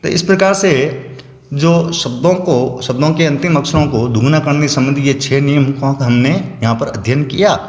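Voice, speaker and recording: A man teaching a lesson, slowly and methodically explaining rules and spelling out example words. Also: medium pitch. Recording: echoey room with long reverb.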